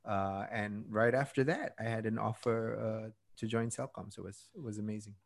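This podcast guest, a Malaysian TED speaker in his fifties, has a lowish, creaky voice that keeps a steady tone at normal speed. He shares his story in a relaxed, conversational way, frequently letting sentences trail off and chuckling at his own expense.

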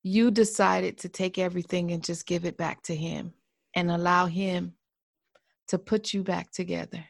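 Woman host, affirming and encouraging, gentle murmured agreement. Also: lowish voice, fairly even intonation, moderate pace, gravelly. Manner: warm affirming, many soft mm-hmms. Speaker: podcast host. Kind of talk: faith-based interview.

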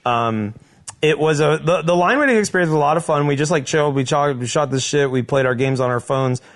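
A young man with a somewhat high voice tells a story on a podcast recorded live in a living room. He rambles, restarts his sentences and fills the gaps with "like" and "um". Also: fairly quick. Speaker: podcast co-host. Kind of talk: casual storytelling chat.

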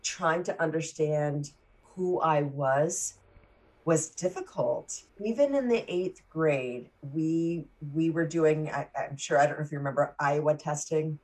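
Forties woman, low register, interview guest who restarts words as she tells her story. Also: unhurried, darkish tone. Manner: candid, restarts and repeats words mid-thought. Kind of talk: personal storytelling in conversation.

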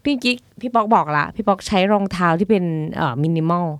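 A woman's voice: on the low side, brisk, no room sound. A woman doctor explaining injuries in casual chat, counting off points and giving examples. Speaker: doctor guest.

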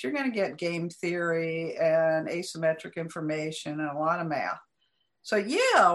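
A middle-aged woman academic recounting her path in a relaxed interview, chatty with frequent small laughs and restarts. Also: fairly low pitch. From United States. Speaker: guest academic. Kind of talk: interview conversation.

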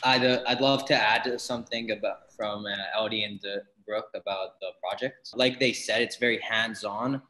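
A man answering as a student guest in an interview, earnest, with frequent "uh" pauses. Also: lowish voice, fairly even intonation, sharp tone, reverberant, low-quality recording. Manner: earnest, with many uhs.

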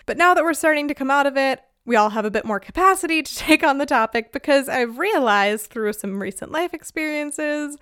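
A woman's voice: high-pitched, fairly bright tone, clean tone, no room sound, studio quality. A woman hosting a podcast, talking in a chatty, upbeat way and laughing easily. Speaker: podcast host. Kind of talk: casual podcast talk. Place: lives in Germany.

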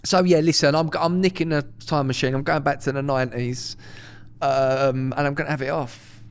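A man's voice: mid-range voice, steady tone, normal speed, clear, resonant tone. A man with an Essex or London accent, a comedian bantering casually in a cheeky, matey and sweary way. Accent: English, Essex or London.

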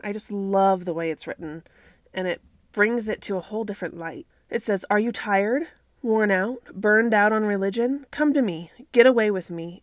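A woman's voice: mid-range voice, no echo, clean studio sound. A woman hosting a faith podcast, talking in an earnest, chatty way while recording inside a home clothes closet on a computer microphone. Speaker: podcast host. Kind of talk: casual faith podcast talk.

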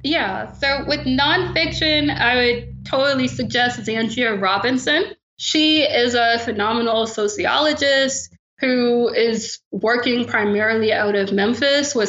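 A woman philosopher from the American South, answering interview questions in a relaxed, thoughtful way. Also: on the high side. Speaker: philosopher guest. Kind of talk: podcast interview. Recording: roomy, dull lo-fi sound.

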